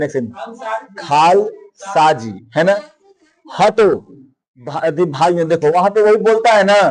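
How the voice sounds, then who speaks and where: A man's voice: on the high side, a little mellow. A young male teacher. He talks his students through a story casually, circling back and rephrasing each point. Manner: conversational, repeats and rephrases often. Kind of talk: explaining a Hindi story to students.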